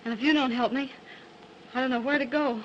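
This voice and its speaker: A woman's voice: high-pitched, fairly even intonation, fairly quick. A lost young nursery governess in an early 1930s talkie film. She talks hesitantly and pleads for help. The sound is dull and lo-fi, with faint hiss.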